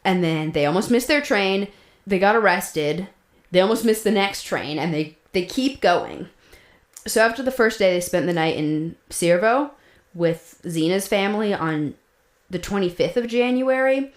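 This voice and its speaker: In a mid-range voice with lively intonation and a measured pace, a female podcast co-host tells the story in a chatty, casual way. She laughs often and fills her speech with fillers and restarts, heard with a roomy echo.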